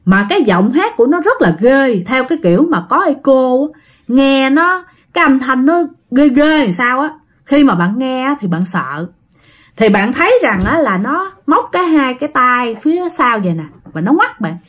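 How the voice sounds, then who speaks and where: A woman with a Southern Vietnamese accent tells a ghost story in a casual, chatty way, talking straight to her listeners. Her voice sits a little high and moves about a great deal, with lively dramatic emphasis. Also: normal speed. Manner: animated, addresses listeners directly, dramatic emphasis.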